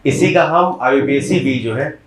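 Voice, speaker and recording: A male chemistry teacher giving a classroom lecture, explaining step by step and often putting quick questions to his students. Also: medium pitch, roomy sound.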